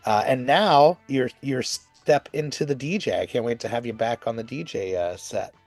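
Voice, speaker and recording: A man's voice: medium pitch, moderate pace, faint music behind. A man with a nasal, stuffed-up voice from a cold, hosting a casual podcast in an effusive, slangy way. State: congested from a cold. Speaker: podcast host.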